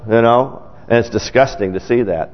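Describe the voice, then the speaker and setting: A middle-aged man preaching a conversational sermon, often checking in with his congregation and acting out worried voices a little higher. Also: normal speed. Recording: dull lo-fi sermon recording with long hall reverb.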